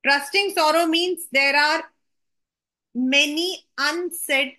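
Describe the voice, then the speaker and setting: A woman's voice: high voice, drawn-out words, sharp tone. A woman English teacher explaining a poem line by line, mixing Hindi and English and asking rhetorical questions.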